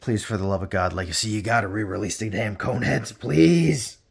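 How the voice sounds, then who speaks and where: A man's voice: lowish voice, moderate pace, creaky, husky. A man chatting casually through a toy review with playful swearing, his voice carrying a noticeable room reverb.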